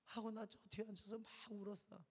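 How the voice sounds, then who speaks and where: High-voiced man preaching in an echoing hall. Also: lively intonation, normal speed. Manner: emphatic call-and-response preaching, swinging from soft to loud. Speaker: youth pastor. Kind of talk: sermon to a youth service. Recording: long hall reverb.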